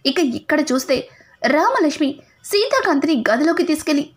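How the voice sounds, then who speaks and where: A woman retells a television serial episode as a storyteller, acting out every character's lines herself. Her voice sits high throughout. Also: animated, moderate pace. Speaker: serial recap narrator. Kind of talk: narrated TV serial recap.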